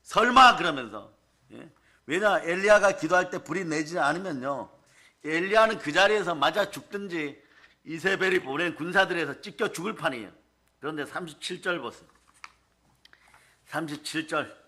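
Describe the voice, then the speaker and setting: Male pastor, sermon, emphatic and chatty, somewhat high voice. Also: normal speed, pushed and bright. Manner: emphatic, colloquial, asks the congregation for responses.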